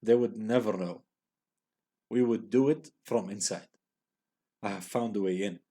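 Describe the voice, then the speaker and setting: A man reading aloud the lines of a quiet, intense teenage boy, in a flat and brooding way. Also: fairly low pitch, a little slow, slightly rough.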